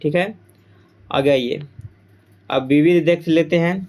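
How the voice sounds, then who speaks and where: A man's voice: a little high, steady tone, slow pace, a little mellow. A man teaching an exam-prep Hindi grammar lesson, repeating each answer and quizzing the class. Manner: repeats answers with quiz-style questions to the class.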